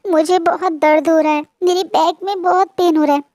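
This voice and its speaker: A woman's voice: high-pitched, moderate pace, dark tone, no room sound, natural voice. A woman voicing a shy, tearful teenage boy who stammers and pleads bashfully. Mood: crying.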